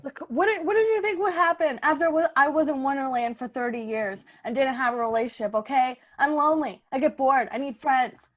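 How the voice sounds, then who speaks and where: A woman's voice: sits high, fairly quick, few pauses, voice pushed down, close to an everyday voice. A woman playing a lonely, defensive Alice in Wonderland who whines and justifies herself in an improvised comedy sketch. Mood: defensive, plaintive. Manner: indignant, whiny, self-justifying.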